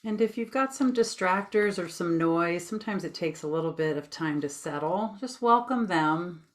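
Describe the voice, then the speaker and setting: A woman with a lowish voice guides a meditation, giving gentle, informal instructions. Her manner is soothing and unhurried.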